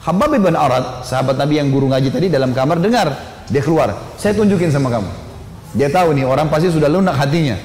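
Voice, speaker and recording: Animated male preacher in an echoing hall. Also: fairly high pitch, quick pace. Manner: animated, colloquial, with rising emphasis. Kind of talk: storytelling sermon. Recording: echoey hall, faint noise.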